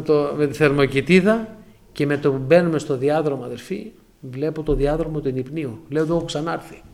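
A man in his forties from Crete, preaching a sermon as he tells a personal testimony, acting out dialogue with lively exclamations. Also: on the high side. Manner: animated storytelling with acted-out dialogue and exclamations.

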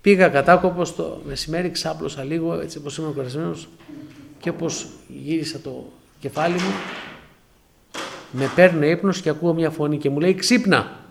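A man in his forties from Crete, preaching a sermon as he tells a personal testimony, acting out dialogue with lively exclamations. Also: on the high side, gravelly, slight background noise. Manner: animated storytelling with acted-out dialogue and exclamations.

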